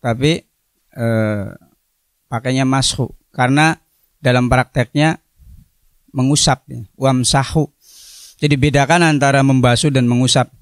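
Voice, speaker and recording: A man's voice: medium pitch, fairly even intonation, measured pace, pauses often, dry recording. A middle-aged man, a religious teacher giving a classroom lecture on a religious text, explaining it word by word with playful asides on word meanings. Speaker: religious teacher at an Islamic boarding school.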